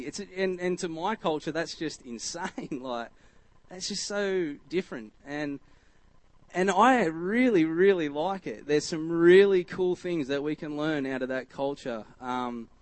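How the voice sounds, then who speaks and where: An Australian man tells stories from the pulpit in a loose, chatty way, often restarting his sentences. His voice sits somewhat high for a man. The sound is close and dry, with no room echo. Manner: rambling and chatty, full of fillers and restarts. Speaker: church speaker. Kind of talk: casual storytelling sermon.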